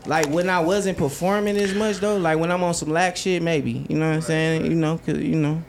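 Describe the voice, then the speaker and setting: A man chatting casually and telling animated, rambling stories full of slang and repeated words, as an artist being interviewed. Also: fairly high pitch, brisk, creaky.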